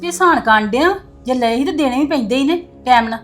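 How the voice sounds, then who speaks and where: A woman's voice: high voice, lively intonation, fast talker, faint music behind. A woman plays a quarrelsome mother who scolds her son and daughter-in-law with accusing questions. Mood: scolding. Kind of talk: family web series acting.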